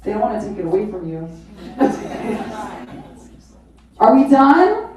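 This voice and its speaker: Female fundraising auctioneer, high voice, exclamatory and chatty, heard from afar in a very reverberant venue. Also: very animated, slow, background noise. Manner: exclamatory, informal, chatty with bidders. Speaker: charity auctioneer and event host. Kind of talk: live fundraising auction calling. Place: large echoey event venue with a live audience. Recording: echoey hall, distant PA, crowd.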